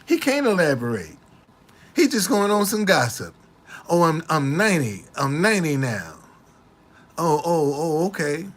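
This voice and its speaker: Speaking a little slowly in a voice on the high side, a man in his late sixties addresses the camera casually with slangy street swagger. His retorts are animated and indignant, and he repeats himself.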